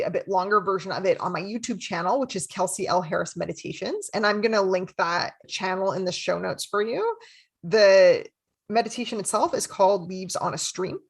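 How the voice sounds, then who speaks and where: A young adult woman, a therapist hosting a podcast, talking casually and with self-deprecating humor, then guiding a slow, gentle meditation. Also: mid-range voice, vocal fry, husky. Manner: friendly and self-deprecating, laughs lightly.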